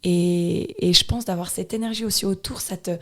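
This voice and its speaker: Lively Swiss French woman telling stories. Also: fairly low pitch, normal speed. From Switzerland. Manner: animated storytelling with many restarts. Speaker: guest dancer. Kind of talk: casual interview chat.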